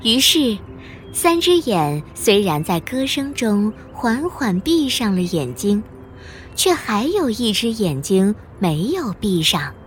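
A woman narrating a children's audio story, with slow, expressive storytelling. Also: mid-range voice, slight background noise.

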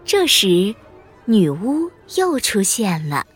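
A woman narrating a children's audio story, with slow, expressive storytelling. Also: mid-range voice, husky, faint music behind.

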